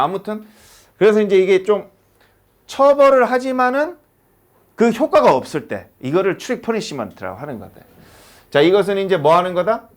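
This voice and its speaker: A man teaching an English lesson to a class of students in a classroom, asking rhetorical questions one after another. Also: high-pitched. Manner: animated, asks constant rhetorical questions. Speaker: high school English teacher.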